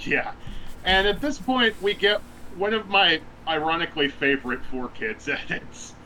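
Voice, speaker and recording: A man's voice: a little high, normal speed, bright, forceful tone, a little hiss or hum, low-quality recording. A man co-hosting a podcast in casual chat, wry and profane, laughing often. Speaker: podcast co-host.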